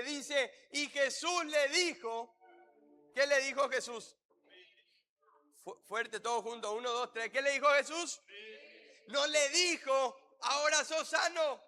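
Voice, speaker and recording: A man's voice: very high-pitched, bright, forceful tone. A man preaching as a pastor, fervently leading prayer and calling out to the congregation in a church. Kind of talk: sermon with prayer. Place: church hall. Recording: reverberant church hall.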